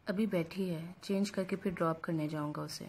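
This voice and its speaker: A woman reading the lines of a curt, self-assured young husband in a storybook reading, calm, firm and dismissive. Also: fairly low pitch, a little hiss or hum, close to an everyday voice.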